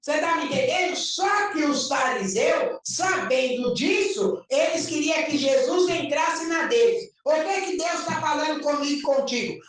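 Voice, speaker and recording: A woman pastor with a Brazilian Portuguese accent, preaching a lively, chatty sermon and often checking that the congregation follows her. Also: high-pitched. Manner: animated and chatty, often asking listeners if they follow. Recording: echoey room recorded from far off.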